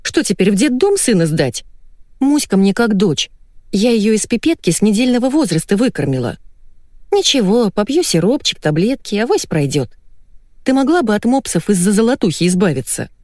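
A woman doing a brisk, blunt woman friend. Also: mid-range voice, very animated, darkish tone, dry recording, studio quality, voice pushed up, close to an everyday voice. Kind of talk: audiobook reading.

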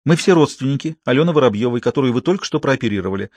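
A man's voice: mid-range voice, expressive, very fast, darkish tone, no echo, natural voice. A man voicing an earnest young mother who explains why her whole family came to the ward. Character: young mother fussing over her daughter.

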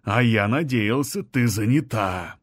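A man voicing a menacing sorcerer lord who speaks slowly in a purring, condescending tone. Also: fairly low pitch, expressive, no room sound, clean studio sound. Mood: purring menace.

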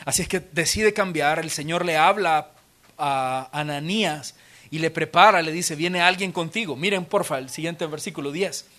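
Male pastor, high voice, dramatic scripture-telling sermon, church auditorium. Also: moderate pace, a bit bright. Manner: dramatic, vividly retelling scripture. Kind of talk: expository sermon.

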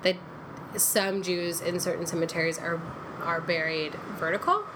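A woman's voice: on the low side, steady tone, normal speed, noisy background. A woman chatting on a podcast, blunt and wisecracking. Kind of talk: casual chat.

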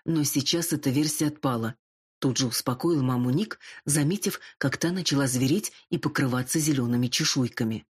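A woman's voice: extremely low pitch, fairly quick, slightly rough. A woman reading a first-person audiobook with a wry storytelling manner. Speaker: audiobook narrator.

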